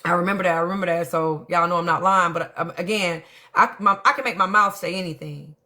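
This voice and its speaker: A woman's voice: lowish voice, fast, bright, forceful tone. A middle-aged woman, hosting a casual live stream, telling her side bluntly and profanely while greeting viewers by name. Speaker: livestream host.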